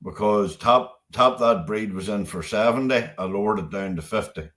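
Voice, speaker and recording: A man with a somewhat low voice co-hosts casual live commentary. He sounds relaxed and agreeable, and often answers in short words. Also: moderate pace.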